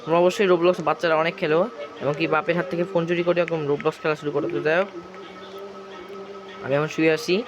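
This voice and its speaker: Fast-talking hoarse Bangladeshi gamer guy. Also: a little high, level tone, music in the background. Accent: Bangladeshi Bengali. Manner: rambling, chatty, keeps circling back with the same filler. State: hoarse from a cough. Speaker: gaming YouTuber. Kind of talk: casual gameplay commentary.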